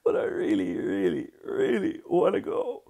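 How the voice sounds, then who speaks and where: A man voicing an excited, tearful small boy in a high squeaky voice. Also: fast talker, gravelly, heavily acted. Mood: pleading.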